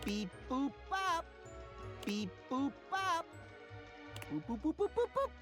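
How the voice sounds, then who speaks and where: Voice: big pitch swings, slow, over music, exaggerated voice. Dishy, an actor voicing a beeping robot dishwasher. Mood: processing. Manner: bouncy sing-song beeps jumping high. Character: male robot dishwasher, chipper, corporate. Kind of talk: video game character voice acting.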